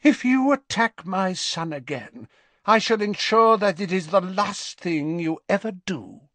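A man voicing a cold, haughty aristocratic mother who speaks with quiet menace. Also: high-pitched, animated, a little slow, dry recording, pitched above the performer's own voice. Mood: icy.

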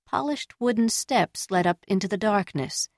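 A woman's voice: mid-range voice, normal speed, dry recording. Woman narrating a novel, dry close sound. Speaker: audiobook reader. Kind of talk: scripted narration.

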